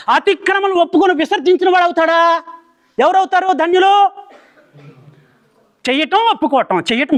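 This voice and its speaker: A man's voice: very high voice, a bit bright. A man preaching a fiery sermon in Telugu, firing rhetorical questions at the congregation.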